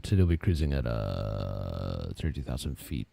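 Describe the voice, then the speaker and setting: A man jokingly putting on an airline pilot's cabin announcement, drawling and deadpan. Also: extremely low pitch, normal speed, creaky, dry recording, pitched below the performer's own voice, full character voice. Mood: mock-official.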